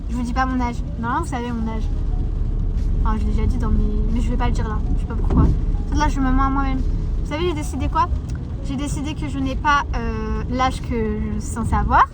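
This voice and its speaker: A woman's voice: on the high side, fast, heavy background noise. A young French woman vlogging casually to her viewers, chatty and rambling, with many fillers and restarts. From France. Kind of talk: casual chat to camera.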